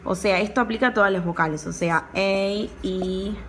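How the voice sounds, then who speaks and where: A woman's voice: mid-range voice, fairly even intonation, fairly bright tone, slight background noise. A woman English teacher, patiently explaining a pronunciation rule and often checking in with her students. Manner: patient, repeats words slowly and checks in with students. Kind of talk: classroom lesson explaining pronunciation.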